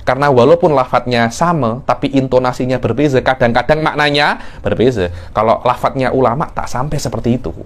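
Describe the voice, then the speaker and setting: A man's voice: mid-range voice, a little fast, few pauses. A middle-aged man teaching a religious class, explaining at length and repeating words as he builds emphasis. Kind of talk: classroom lecture.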